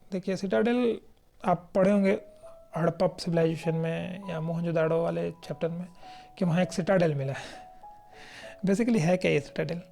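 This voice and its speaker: This is a teacher from India, recording an exam-prep vocabulary lesson. The voice is mellow and even, with faint music in the background. The delivery is explanatory and patient, with frequent check-ins and slow, careful readings of definitions. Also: mid-range voice, creaky. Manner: explanatory, checks in often with "right?"; slows down to read definitions aloud.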